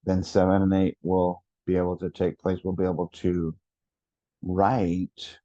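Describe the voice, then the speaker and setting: A man giving a lesson to teachers, speaking deliberately and repeating key words for emphasis. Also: sits low, level tone, warm tone, dry recording, muffled recording. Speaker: education consultant.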